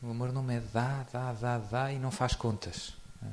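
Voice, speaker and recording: A man's voice: mid-range voice, fairly even intonation, moderate pace. Man chatting with constant tag questions. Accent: European Portuguese. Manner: chuckles often while explaining. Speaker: religious speaker. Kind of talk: informal spiritual talk.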